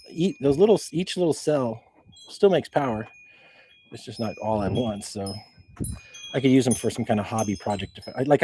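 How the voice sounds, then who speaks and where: A man walking around outdoors on his property, casually showing things off to a handheld camera in a halting, rambling way that keeps repeating words. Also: medium pitch, dark tone, husky, poor audio. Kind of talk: casual rambling show-and-tell. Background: faint wind noise.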